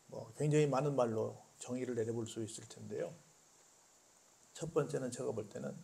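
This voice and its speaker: An older man, a pastor, preaching a sermon, moving from quiet talk to loud shouting with many rhetorical questions. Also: medium pitch, creaky. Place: church.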